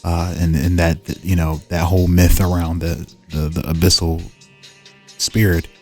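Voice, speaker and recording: Over background music, a man presents fan-made game lore as host, reading it aloud casually and drifting into informal, musing asides. His voice is deep and level, and he speaks a little slowly.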